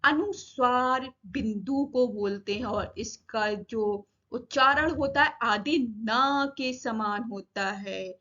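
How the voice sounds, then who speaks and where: A woman's voice: fairly high pitch, slow, hardly any pauses, bright, forceful tone, dull audio. A woman teaching a grammar lesson to children, who asks a question after each point and then answers it herself.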